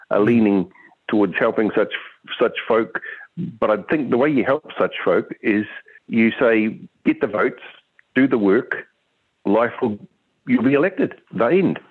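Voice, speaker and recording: A man's voice: on the low side, no echo. Guy phoning a talk show, thin phone sound, opinionated, stop-start emphatic phrases. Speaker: phone-in caller. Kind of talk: casual opinionated chat. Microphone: telephone. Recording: tinny narrow phone line.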